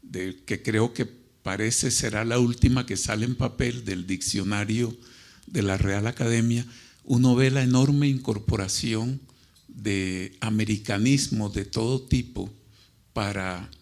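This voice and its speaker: A man giving a thoughtful literary talk as a panelist, speaking in deliberate, learned and formal phrases. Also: lowish voice, darkish tone. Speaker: panelist discussing literature and language.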